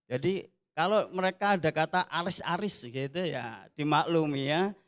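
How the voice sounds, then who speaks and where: A man introducing his mission school choir at an online church service, explaining in a relaxed way with small fillers. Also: a little high, normal speed.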